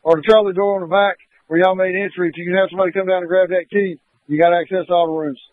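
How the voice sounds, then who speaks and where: A man's voice: high voice, flat delivery, fast talker, no echo. A male firefighter giving clipped fireground traffic over a two-way radio, repeating key phrases. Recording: tinny two-way radio transmission.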